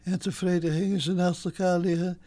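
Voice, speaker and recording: A woman reading a children's story aloud, telling it slowly and gently. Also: fairly low pitch, flat delivery, dry recording.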